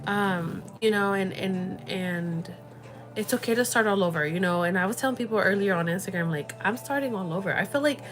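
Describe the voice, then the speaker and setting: Over background music, a young female livestream host speaks fairly quickly in a mid-range voice. Her casual chatter meanders, heavy on fillers, with occasional Spanish words slipping in.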